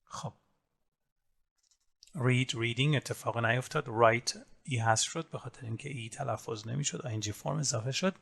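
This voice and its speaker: A man teaching an English grammar lesson, explaining rules step by step and saying English example words slowly. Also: mid-range voice, vocal fry, fairly bright tone, slightly rough. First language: Persian. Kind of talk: recorded grammar lesson in Persian.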